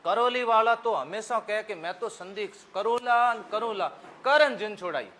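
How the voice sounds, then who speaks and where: A high-voiced man with a Rajasthani accent teaching history for competitive exams. His bright, ringing tone carries homely jokes and quick questions that he answers himself. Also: a little hiss or hum. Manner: folksy, joking, asks the class questions and answers them himself. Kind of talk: exam-prep history lesson.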